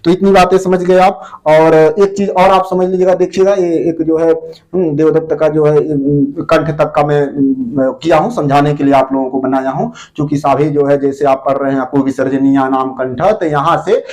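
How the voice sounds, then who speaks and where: A man's voice: fairly high pitch, steady tone, normal speed, darkish tone. A man teaching Sanskrit grammar for exam preparation, explaining patiently, repeating terms and sounding out syllables. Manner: frequent fillers. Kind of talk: exam-prep grammar lesson.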